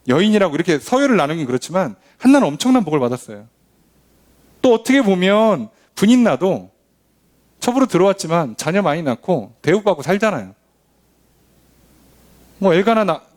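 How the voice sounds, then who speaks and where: A man preaching a sermon as a pastor, asking rhetorical questions and acting out quoted voices. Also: a little mellow. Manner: acts out quoted voices, shifting pitch often. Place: church.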